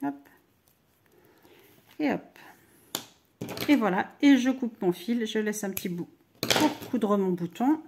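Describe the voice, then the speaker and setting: Slow-talking chatty woman teaching crochet. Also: a little high, animated, background noise. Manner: chatty, talks to viewers while working. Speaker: crochet tutorial host. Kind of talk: crochet doll-clothes tutorial.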